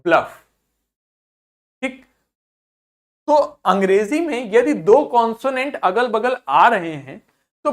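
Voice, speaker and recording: A male English teacher giving a video lesson in Hindi, who asks questions, answers them himself and repeats example words slowly. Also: high-pitched, fairly bright tone.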